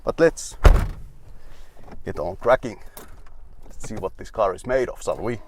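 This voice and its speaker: Young male car reviewer, lowish voice, dry wit, rambling and grumbly. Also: expressive, unhurried, slight background noise. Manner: rambling, with restarts and asides.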